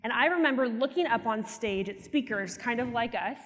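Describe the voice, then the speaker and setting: A young woman giving an animated, teasing motivational keynote on a conference stage through a headset mic. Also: on the high side, a little fast. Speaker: keynote speaker. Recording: hall reverb from a conference stage.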